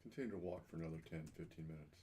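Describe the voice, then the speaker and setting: A man's voice: a bass voice, rapid-fire, warm tone. A man playing a tabletop game, talking casually about his moves.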